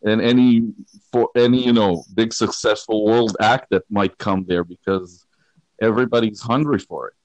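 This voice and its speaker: A man's voice: lowish voice, normal speed, dry recording, rough recording. A man from Israel, a guitarist talking casually and with dry humor as an interview guest. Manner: relaxed, rambling, self-deprecating humor. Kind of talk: conversational interview.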